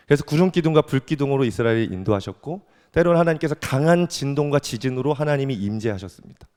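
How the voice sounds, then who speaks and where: A male pastor preaching a sermon, reading scripture slowly and swinging from loud emphatic declarations to soft, quiet asides. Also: mid-range voice. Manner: reads scripture slowly and deliberately. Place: church sanctuary. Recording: long hall reverb from a church sanctuary.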